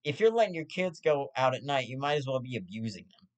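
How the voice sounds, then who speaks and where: A man's voice: mid-range voice, big pitch swings, fast talker. Young guy ranting on his own show, swears a lot, trips over his words, half joking. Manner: profane, rambling, stammering restarts, half-joking. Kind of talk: ranting casual commentary.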